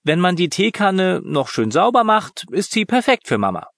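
A man voicing a cheerful young girl in a storybook, bubbly and lively. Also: high-pitched, moderate pace, creaky, no echo, studio quality, voice pushed up, heavily acted. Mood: merry.

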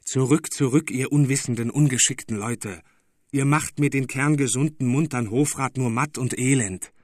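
A man voicing a stern, commanding mesmerist who scolds loudly and forcefully in an audiobook. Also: medium pitch, animated, moderate pace, no echo, studio quality, natural voice. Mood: scolding.

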